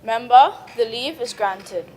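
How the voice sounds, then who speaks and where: A woman chairs assembly proceedings in a brisk, procedural way. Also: a little high, darkish tone. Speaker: presiding officer. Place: assembly chamber. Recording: noisy chamber feed.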